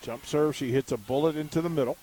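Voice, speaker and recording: A man calling live volleyball play-by-play for a radio network, naming each serve and point in a brisk, measured way. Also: fairly high pitch, dark tone. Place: arena broadcast position high above the court.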